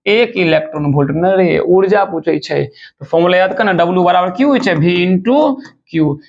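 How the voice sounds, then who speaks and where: A male physics teacher races through exam questions in a quick, chatty way. His voice sits high and gravelly. The recording sounds dull and lo-fi. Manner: fast, chatty, addresses students informally as "bachcha". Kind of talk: objective-question exam lesson.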